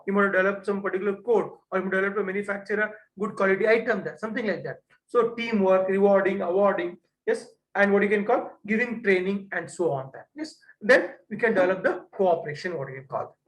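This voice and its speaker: A man's voice: sits high, fairly bright tone, reverberant, poor audio. A man lecturing a class, often restarting and repeating "what you call".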